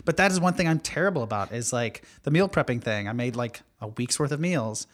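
A man's voice: medium pitch, animated, brisk. A man co-hosting a casual podcast, telling self-mocking stories. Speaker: podcast co-host. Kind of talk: casual chat.

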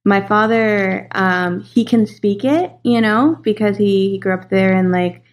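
A woman's voice: mid-range voice, measured pace. A young woman from Los Angeles, a guest in a casual interview, talking in a chatty way with many fillers and easy laughter.

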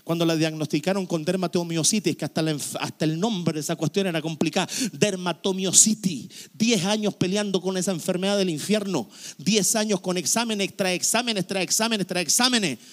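A middle-aged pastor preaching a sermon emphatically, full of repetition and rhetorical questions. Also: male voice, high-pitched, fairly quick.

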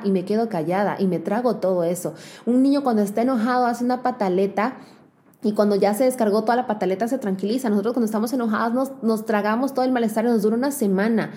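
A woman giving an earnest motivational talk to women, speaking straight to the listener and slowing down to stress key words. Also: on the high side. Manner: addresses the listener directly and warmly.

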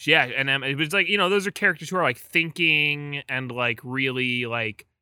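A man's voice: medium pitch, moderate pace, pushed and bright, clean tone, no echo, clean studio sound. A man co-hosting a podcast in casual chat, joking, laughing often and swearing freely. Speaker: podcast co-host.

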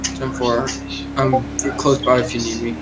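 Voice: medium pitch, flat delivery, measured pace, over loud music, poor audio. A dispatcher in a police role-play game, talking in terse radio codes. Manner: terse radio-code jargon.

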